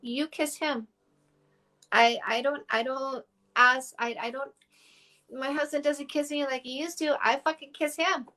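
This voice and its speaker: High-voiced canadian woman, dating coach on a phone live, blunt and frank, swears casually. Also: fairly even intonation, measured pace, bright, forceful tone. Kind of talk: casual livestream advice. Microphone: phone livestream.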